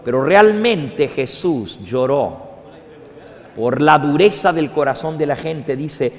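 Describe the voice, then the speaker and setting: A male pastor preaching with fervor, firing rhetorical questions at his congregation between scripture readings. His voice sits fairly high for a man. A long reverb trails every phrase, as in a big hall. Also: expressive, slow. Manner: impassioned, asks listeners repeated rhetorical questions.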